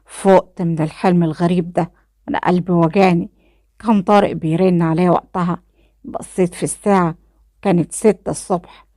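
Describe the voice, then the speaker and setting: Low-voiced Egyptian woman storyteller. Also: fairly even intonation, fairly quick, dark tone, dry recording, clean studio sound. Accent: Egyptian Arabic. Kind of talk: first-person story narration.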